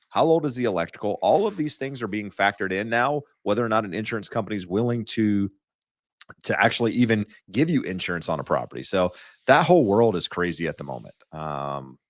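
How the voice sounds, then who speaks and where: A man's voice: low-pitched, no room sound, clean studio sound. A man hosting a real estate talk show, chatting loosely with many fillers and restarts. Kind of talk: casual market talk.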